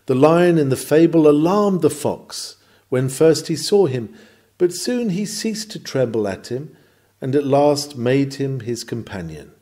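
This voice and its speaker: The reader of this scripted historical sermon has a mid-range, dark voice and speaks a little slowly yet very animatedly. He delivers it oratorically, with solemn emphasis and rhetorical flourish.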